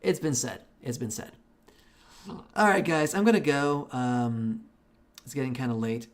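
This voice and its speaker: Unhurried and mid-pitched, a Belarusian man who speaks Russian as his first language chats loosely while streaming a game. He rambles, swears a lot, and keeps restarting his sentences.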